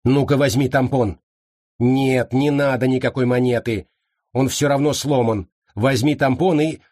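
A man's voice: mid-range voice, steady tone, measured pace, a little mellow, no room sound, clean studio sound, close to an everyday voice. A man voicing a stern young female gym teacher who snaps curt, irritated commands at a girl.

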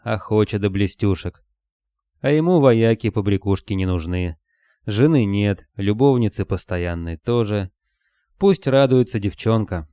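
A man reads a novel aloud in a low, mellow, smooth voice with measured, expressive delivery. The recording is close and dry, with no room sound. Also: no room sound. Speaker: narrator. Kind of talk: scripted audiobook narration.

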